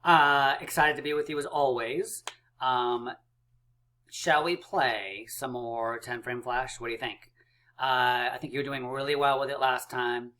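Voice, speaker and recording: Male math coach for kids, bright voice, unhurried, chatty with fillers. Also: mid-range voice, steady tone. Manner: upbeat, chatty, many fillers. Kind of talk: kids' math lesson.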